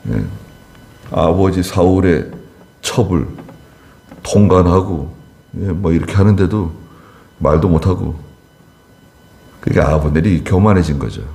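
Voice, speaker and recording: A man's voice: low voice, measured pace, creaky, long pauses, warm tone. A man pastor preaching an expository sermon. He talks conversationally, drops in small asides, and acts out the quarrels in his story with raised, scolding lines. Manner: retells scripture by acting out the quarrels in a raised voice. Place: church.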